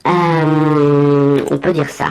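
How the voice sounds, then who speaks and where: A man's voice runs through a distorting voice changer, its pitch glitching and jumping around. He answers in short, coy replies. He is a mystery guest on a radio guessing game. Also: level tone, drawn-out words, a little mellow.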